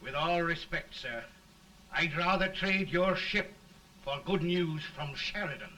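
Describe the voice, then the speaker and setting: A formal, worried officer delivering bad news to his commander in chief. His voice is bright and somewhat high, and it is picked up from a distance in early talkie film sound, with a light hiss beneath it. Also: unhurried. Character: anxious, formal male officer advising a president.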